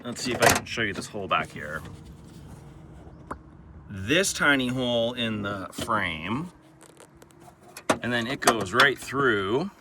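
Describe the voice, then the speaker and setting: A man's voice: medium pitch, expressive, slow pace, long pauses, heavy background noise. Chatty man filming outdoors by phone. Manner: chatty, talks to viewers, grumbles with humor. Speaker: DIY vlogger. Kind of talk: casual how-to vlog. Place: outdoors on wet grass beside a pickup truck. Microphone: handheld phone.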